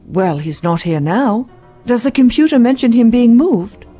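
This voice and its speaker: A weary, skeptical woman doctor, voiced by an actress in a sci-fi audio drama. Her tone is soft-edged and dark, her delivery blunt and matter-of-fact, with faint music behind. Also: fairly high pitch, expressive, measured pace. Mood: puzzled, alarmed.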